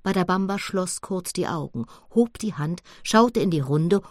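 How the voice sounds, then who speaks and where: A woman reading a children's story aloud in a lively, expressive way. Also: lowish voice, a little slow, no echo, clean studio sound.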